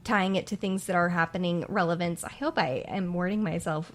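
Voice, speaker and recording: A woman's voice: lowish voice, fairly quick. A woman in her twenties, co-hosting a podcast in casual chat, rambling and searching for words as she talks. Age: 20s. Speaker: podcast co-host.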